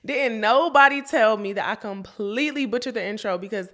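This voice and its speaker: Still sniffly from a cold, a young podcast host chats casually and straight to her listeners, laughing often. Her voice is a little high and fairly bright, and she talks fairly quickly.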